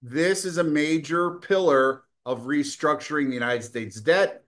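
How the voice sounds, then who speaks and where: A man's voice: a little high, unhurried, fairly bright tone. Combative, scornful male political commentator. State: coughing. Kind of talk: opinionated political monologue.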